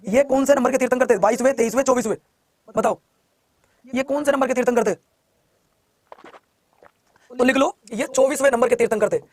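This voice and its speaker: A male online exam coach running a live class, firing questions at students, repeating each one and pushing them to answer quickly. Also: extremely high pitch.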